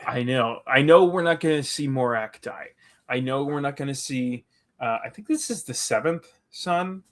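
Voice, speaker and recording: Male podcast co-host, casual and animated, rambling delivery. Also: medium pitch, moderate pace. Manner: animated, rambling with restarts, acts out quotes. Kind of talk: casual recap chat.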